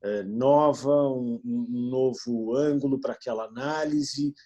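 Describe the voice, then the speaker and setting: A man in his forties from Rio Grande do Sul, speaking as a business partner in a video meeting, with halting speech and many fillers. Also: mid-range voice, dark tone, dull audio. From Rio Grande do Sul, Brazil.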